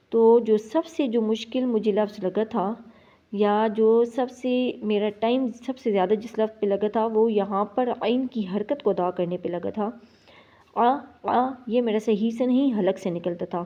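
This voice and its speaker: A woman teaching Quran reading as a slow lesson, patiently repeating syllables for students to copy. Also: a little high. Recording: slightly dull lo-fi sound.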